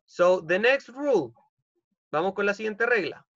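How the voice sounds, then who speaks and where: A man's voice: sits high, animated, a little slow, fairly bright tone, dry recording, lo-fi sound. A male English teacher with a Chilean accent, giving an online class and repeating each rule in Spanish with frequent "ok?" checks. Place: home. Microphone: computer mic on a video call.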